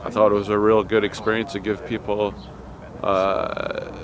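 Low flat-voiced man, crowd behind. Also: normal speed. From California. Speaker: school district staff member. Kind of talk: outdoor interview comment. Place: outdoors at a trade show event. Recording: crowd noise outdoors.

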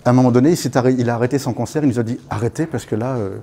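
Speaking rapid-fire at medium pitch over crowd noise, a guest speaker in his fifties shares his life story at a networking evening. Born in Congo to French parents and raised in Africa, he tells it casually through anecdotes, with many fillers and restarts, recorded from afar by a camera in a small meeting room.

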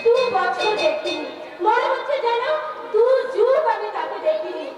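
Young village heroine, actress, hammy and declamatory folk theatre, distant, loud music behind. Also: female voice, extremely high pitch, expressive, measured pace. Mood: yearning. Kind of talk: Bengali folk theatre (jatra) stage acting. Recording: echoey distant stage, loud music and crowd.

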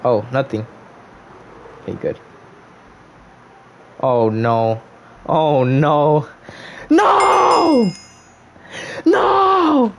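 A man's voice: mid-range voice, extremely slow, long pauses, darkish tone, a little hiss or hum. A young man chatting casually on a gaming livestream, greeting viewers and breaking into melodramatic outbursts.

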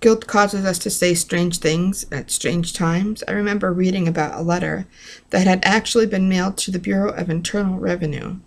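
Lower-pitched young American woman, informal. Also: steady tone, moderate pace. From northern United States. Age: young adult. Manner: candid, self-deprecating. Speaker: vlogger reading a devotional book aloud. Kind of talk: informal read-aloud with rambling casual asides. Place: small home room, indoors. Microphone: webcam or laptop at arm's length.

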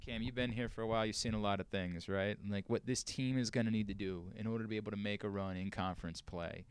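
A man's voice: fairly low pitch, fairly even intonation, fast, clean tone. A middle-aged man doing a chatty, joking post-game interview, speaking into a handheld microphone in an indoor arena hallway.

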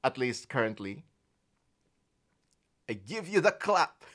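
A man's voice: mid-range voice, sing-song, takes it slowly, fairly bright tone. A man streaming live, chatting casually with viewers, thanking them, laughing often and stumbling over his words. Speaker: music streamer.

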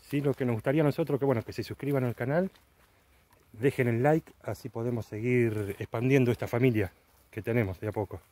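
A man's voice: medium pitch, brisk, warm tone. Man, middle-aged, Argentine accent, casual vlog host, outdoors at night.

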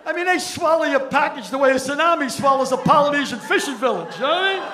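A man in his sixties doing a crude stand-up routine on a club stage, brash and profane with shouted punchlines. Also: very high-pitched, lively intonation, quick pace, background noise. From Ireland, raised in New York. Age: 60s. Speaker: stand-up comedian. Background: audience laughter.

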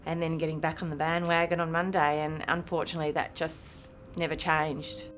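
An Australian woman with a lowish voice, thinking aloud in an interview. She is thoughtful and hesitant, pausing on fillers, and faint music sits underneath her. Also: flat delivery. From Sydney, Australia. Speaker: interviewee, married stay-at-home mum. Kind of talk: interview testimony.

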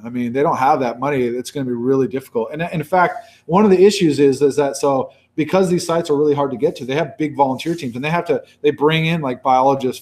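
A man in his forties, a sea turtle researcher from Baja California, Mexico, talks casually in a mid-range, darkish voice. In this casual talk and Q&A, he rambles conversationally, with many restarts and self-corrections.

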